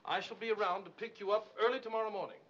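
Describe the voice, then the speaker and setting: A jolly, affected upper-class English theatrical manager, his high voice bright and bouncing up and down. He talks in clipped, chirpy stock phrases. It comes through a dull, hissy old film soundtrack. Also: steady tone, racing. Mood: polite.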